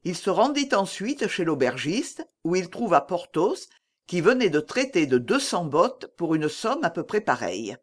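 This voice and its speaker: An audiobook narrator reading a classic novel aloud and voicing the dialogue. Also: medium pitch. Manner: slow, lively storytelling with voiced dialogue.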